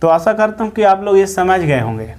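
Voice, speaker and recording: A man teaching a grammar lesson, explaining slowly and repeating examples, often checking in with "theek hai". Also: high-pitched, sing-song, a little mellow.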